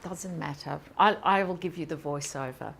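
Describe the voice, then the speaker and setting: A woman professor giving a seminar lecture in a lecture hall, lively and chatty, with quick asides and questions to the audience. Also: low voice, gravelly, a little hiss or hum. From Ireland.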